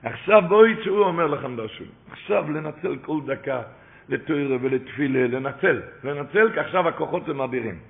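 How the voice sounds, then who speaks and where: A man's voice: a little high, animated, vocal fry. Male preacher, emphatic and repetitive, chanted quotations; thin phone-quality sound. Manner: emphatic, repeats key phrases, quotes sources in a chanting cadence. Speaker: rabbi. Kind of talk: sermon. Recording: tinny phone-like recording.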